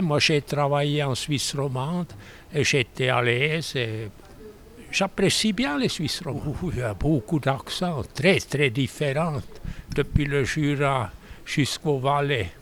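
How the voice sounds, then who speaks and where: A man talking in an unhurried, good-humored way in an interview. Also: fairly high pitch, animated, fairly bright tone. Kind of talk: casual chat.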